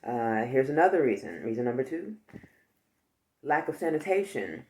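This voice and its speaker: Chatty vlogger rambling on, cracks jokes, mid-pitched voice. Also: very animated, moderate pace, a little mellow. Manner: rambling, joking, talks to the viewer. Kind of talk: casual chat.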